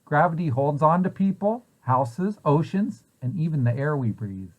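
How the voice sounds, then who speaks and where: Over narrow, tinny audio, a man who directs a preschool site reads a picture book to young listeners, storytelling with questions he then answers. His voice is a little high, with lively intonation and a moderate pace.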